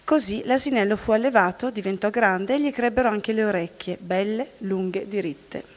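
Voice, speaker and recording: A woman from the audience reading a fairy tale aloud in a steady storytelling manner. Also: mid-range voice, moderate pace. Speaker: volunteer reader from the audience. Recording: long hall reverb.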